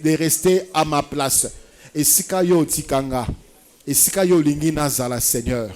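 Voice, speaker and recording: A man's voice: on the high side, darkish tone. Man preaching, raised voice. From Congo-Kinshasa. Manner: preaching with repeated phrases, mixing in Lingala. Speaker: pastor. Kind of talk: sermon and prayer. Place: church service.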